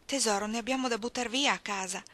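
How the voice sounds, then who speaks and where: A woman reads a courteous mother stopping at a roadside stand. She speaks politely but firmly, with a bright voice. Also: a little high, fast, no room sound, pitched above the performer's own voice. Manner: courteous, gently firm. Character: polite mother on a road trip.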